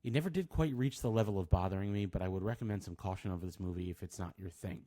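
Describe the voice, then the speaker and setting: A man's voice: low voice, fast talker, warm tone. A man reading a scripted film review, with wry, dry asides.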